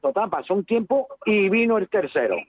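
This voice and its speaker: A man's voice: high-pitched, animated, fairly quick, breathy edge, dry recording. A man from Seville calling a radio show on the phone, earnestly telling a long personal story in a rambling way. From Seville, Spain. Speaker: caller. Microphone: telephone. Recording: tinny phone line.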